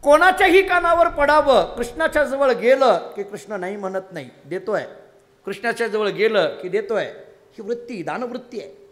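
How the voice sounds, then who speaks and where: A man giving a devotional discourse in Marathi, telling a story with playful, animated delivery, acting out the dialogue and rising suddenly in loudness. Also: high-pitched, normal speed. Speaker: kirtan preacher.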